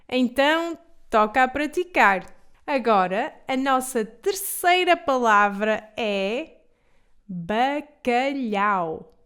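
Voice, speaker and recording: A woman with a European Portuguese accent teaching pronunciation, saying model words slowly and carefully for students to repeat. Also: high-pitched, smooth. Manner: slow, carefully enunciated model words for repetition. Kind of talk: pronunciation lesson.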